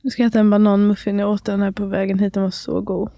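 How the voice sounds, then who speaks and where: A woman's voice: medium pitch, flat delivery, dark tone. A woman in her thirties co-hosting a podcast in casual chat, talking freely with frequent laughs and sentences that trail off. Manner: chatty, laughs often, trails off mid-sentence. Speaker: podcast co-host.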